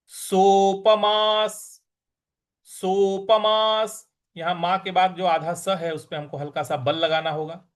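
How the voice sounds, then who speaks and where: A man teaching Sanskrit verse recitation, chanting lines slowly and then explaining pronunciation quickly. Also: high voice, smooth. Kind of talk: recitation lesson.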